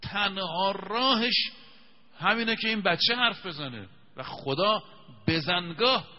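A man preaching a televised religious sermon, telling stories with emphasis and slowing down to recite scripture. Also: sits high, expressive. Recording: dull lo-fi sound with long reverb.

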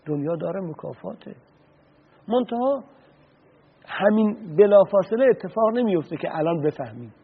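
Husky man on tinny radio. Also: high-pitched, expressive, pauses often. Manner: earnest storytelling, quoting and explaining Arabic sayings. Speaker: religious speaker. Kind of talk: radio religious talk. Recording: tinny phone-like radio sound.

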